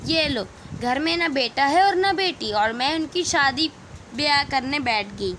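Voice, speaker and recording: A woman voicing a frail, lonely old woman who longs for a child, speaking gently and wistfully in a storybook tale. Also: high voice, animated, slight background noise.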